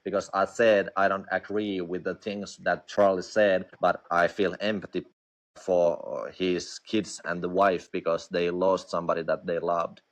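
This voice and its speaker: Low-pitched Finnish-accented man, non-native English, halting and hesitant, casual livestream guest. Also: flat delivery. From Finland. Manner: halting, searching for words. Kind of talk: casual chat.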